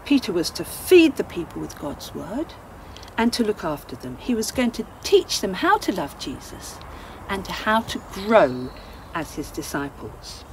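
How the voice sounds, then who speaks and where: Animated woman telling a children's Bible story. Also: medium pitch, measured pace, slight background noise, rough recording. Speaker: children's church leader.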